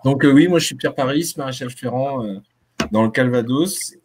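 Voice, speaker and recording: A man, a farrier, introducing himself in a measured way on a video call. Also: mid-range voice, darkish tone, a little hiss or hum.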